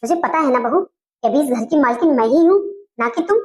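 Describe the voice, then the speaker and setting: A woman's voice: high voice, expressive, fairly quick, darkish tone. A woman playing a domineering, scheming mother-in-law who scolds and complains in a comedy skit. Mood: bossy. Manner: bossy, scolding, tearful complaining.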